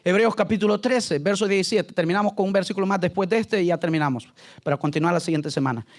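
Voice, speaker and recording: A man's voice: high-pitched, fast talker. A male pastor leading a conversational Bible study, joking and constantly checking in with his listeners. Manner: joking, keeps asking the congregation "¿verdad?" and "¿aló?".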